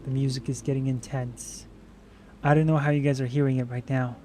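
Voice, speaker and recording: A man hosting a gaming stream talks in a loose, rambling way, reacting to the game and replying to his chat. His voice is mellow and warm, at an average pitch. Faint room hum runs beneath him. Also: little pitch movement, brisk. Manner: rambling, chatty, reads out and answers chat. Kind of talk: casual let's-play commentary.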